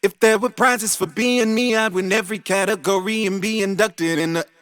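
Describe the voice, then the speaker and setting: Male vocalist, formant-shifted auto-tune sound, high sung line, dull S's and K's, dry close recording. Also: steady tone, normal speed, fairly bright tone, no echo, faint music behind. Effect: pitch-shifted without formant correction, formant-shifted voice with dulled consonants. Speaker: singer in a demo vocal track.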